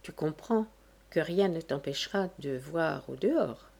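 A woman voicing a brisk, reassuring male sea captain in a read-aloud story. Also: low voice, expressive, gravelly, a little mellow, slightly rough, full character voice.

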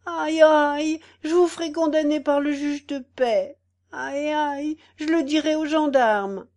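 A woman voicing a poor old peasant woman who pleads and wails, in a high, slow storybook reading. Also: darkish tone. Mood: wailing. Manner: pleading, wailing.

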